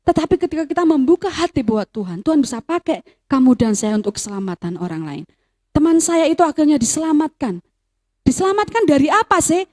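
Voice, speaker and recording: A woman's voice: high-pitched, sing-song, quick pace, dark tone. A woman, telling a personal testimony in a sermon for young people and mixing in phrases as she tells the story. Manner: storytelling, drops into Javanese phrases. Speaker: youth speaker.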